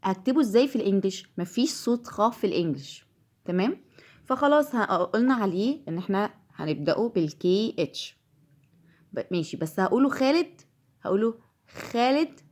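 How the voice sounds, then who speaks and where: A woman's voice: medium pitch, animated, darkish tone. Patient Egyptian woman teaching English. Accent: Egyptian Arabic. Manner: patient, repeats words slowly to drill them. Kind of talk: classroom-style lesson.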